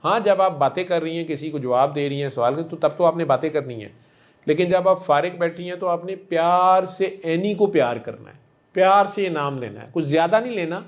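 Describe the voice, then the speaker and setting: A man counseling a patient in a gentle, coaxing and affectionate way, repeating himself warmly. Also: on the high side. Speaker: spiritual healer counseling a patient. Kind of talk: one-on-one counseling session.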